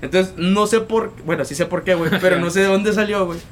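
A man's voice: high-pitched, fairly even intonation, fast talker, a little hiss or hum. A young man, telling a street story in a casual podcast chat, full of slang and repeated words. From Mexico. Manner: slangy, repeats words and tags lines with "güey". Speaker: podcast co-host.

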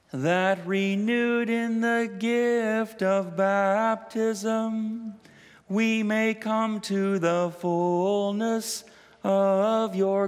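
A man leading worship, chanting the liturgy slowly in sustained sung phrases, with a cathedral echo. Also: sits high. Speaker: presiding minister. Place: large church. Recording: long reverb of a church hall.

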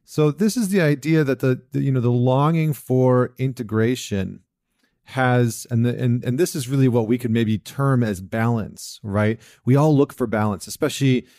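Casual solo talk mixed with a read passage comes from a podcast host who coaches men. His mellow voice sits at medium pitch and moves at a moderate pace, in clean studio sound without echo. He comes across as reflective and earnest, using fillers and restarting sentences.

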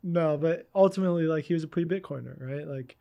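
A man's voice: a little high, fast talker, gravelly, dark tone, muffled recording. A man co-hosting a podcast, asking questions and rambling in casual chat. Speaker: podcast co-host.

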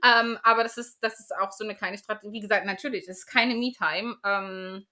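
A woman's voice: medium pitch, fairly even intonation, a little fast, bright, forceful tone. A woman in her thirties, a mother of three, co-hosting a casual chat podcast and talking in a chatty, agreeable way with fillers. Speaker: podcast co-host.

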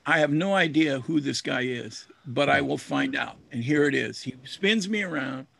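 An older man, a musician, telling a long anecdote in casual chat, rambling and animated, acting out the dialogue as he goes. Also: medium pitch, normal speed, gravelly, husky. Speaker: musician guest. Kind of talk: casual storytelling.

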